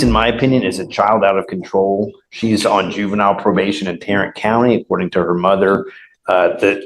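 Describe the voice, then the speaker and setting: A man's voice: lowish voice, fairly bright tone. A male defense lawyer arguing a client's case informally in a courtroom. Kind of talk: courtroom argument. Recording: echoey courtroom with background noise.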